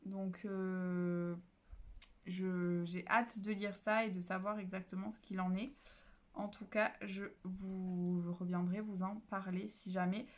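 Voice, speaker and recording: A woman's voice: medium pitch, flat delivery, slow pace. A woman talks casually about books into her phone at home. She rambles, stops herself with fillers and corrects her own numbers as she goes. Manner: chatty, rambling, many fillers and self-corrections. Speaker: book vlogger. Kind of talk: casual chat.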